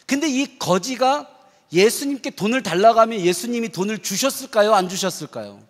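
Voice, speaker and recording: A male pastor preaches with a fairly high, animated voice that jumps between quiet asides and loud acted cries. His words ring out with a long reverb across a church sanctuary. He speaks directly to the congregation as he preaches. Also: fairly quick. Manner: animated preaching, acts out cries and quoted prayers. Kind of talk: sermon.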